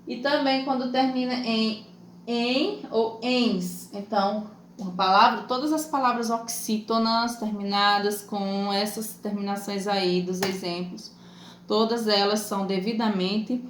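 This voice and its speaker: A Brazilian woman teacher giving a lesson to children, talking slowly and patiently, spelling out letters and syllables. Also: mid-range voice. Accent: Brazilian Portuguese. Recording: echoey room with faint noise.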